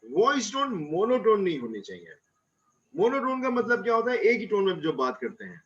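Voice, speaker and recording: A man, a motivational speaker and corporate trainer, explaining communication skills in an interview and repeating key points slowly. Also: high voice, huge pitch swings, lo-fi sound. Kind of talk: interview answer, lecturing.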